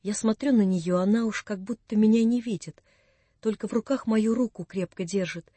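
A narrator reading classic prose for an audiobook in a soft, measured storytelling manner. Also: medium pitch, no echo.

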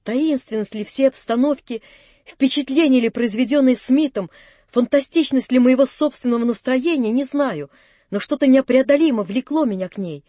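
A woman narrating an audiobook in a calm, measured reading voice, close to the mic. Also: high voice, dry recording. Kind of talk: scripted narration.

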